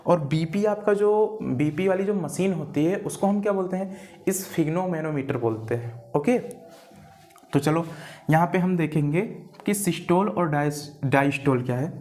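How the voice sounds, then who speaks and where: A man's voice: a little high, moderate pace, darkish tone. Male teacher quizzing with rhetorical questions. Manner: keeps asking rhetorical questions and repeating terms, calls students "beta"; spells out terms letter by letter. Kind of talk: Hinglish classroom biology lecture.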